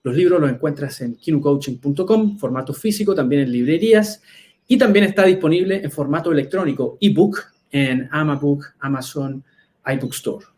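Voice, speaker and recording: A man's voice: fairly high pitch, animated, moderate pace, darkish tone. A Chilean man, a health coach, gives an online talk in a conversational way and often checks in with his audience. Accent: Chilean Spanish. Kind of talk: webinar presentation. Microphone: computer mic on a live video talk.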